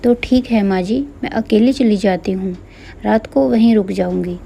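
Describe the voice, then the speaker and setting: A woman's voice: medium pitch, moderate pace, gravelly, a little hiss or hum, lightly acted. A woman doing a meek young daughter-in-law. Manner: soft, pleading.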